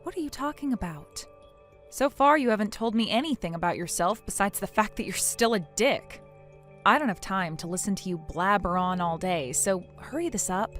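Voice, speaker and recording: A woman's voice: medium pitch, lively intonation, normal speed, fairly bright tone, faint music behind, natural voice. A woman playing a weary, sarcastic younger sister in a scripted audio story, speaking in a dry, curt, guarded way. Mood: impatient.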